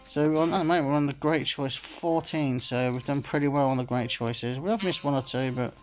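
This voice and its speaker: This slot player talks a little fast in a mid-range voice, his casual, rambling commentary padded with "like I say" and "sort of." He sounds slightly phlegmy, with game music in the background.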